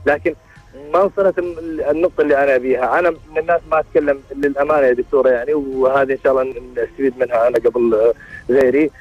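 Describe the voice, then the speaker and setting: A man's voice: mid-range voice, steady tone, racing, narrow, tinny audio, faint music behind. A man calling in for marriage advice. He rambles and keeps restarting as he searches for words. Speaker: caller seeking marriage advice. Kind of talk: call-in radio conversation.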